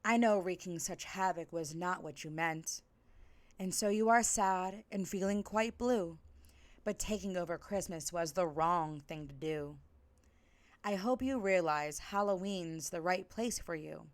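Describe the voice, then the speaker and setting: A woman voicing a kindly but firm old male Santa in a storybook reading, measured and gently admonishing. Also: on the low side, no room sound, lightly acted.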